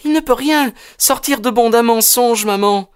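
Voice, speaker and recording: A reader voicing a frank young woman who speaks in a clear, assured, raised voice. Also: medium pitch, moderate pace, no echo, studio quality, voice pushed up, close to an everyday voice. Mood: resolute.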